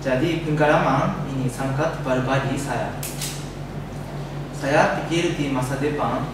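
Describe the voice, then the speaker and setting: A young man with a Japanese accent delivers a student presentation in a learned language, speaking carefully as a foreigner. He is picked up from a distance in a heavily echoing room, with loud noise throughout. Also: medium pitch, unhurried. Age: young adult. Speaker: exchange student giving a presentation. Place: echoey indoor room.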